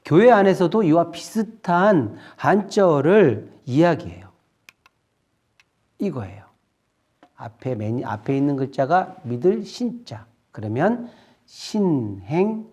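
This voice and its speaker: A man delivers a children's sermon in a slightly high, mellow voice. His pitch swings widely as he tells the story, and his unhurried pace suits a young audience he calls his friends. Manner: slow, expressive storytelling addressing children as friends. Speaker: children's ministry preacher.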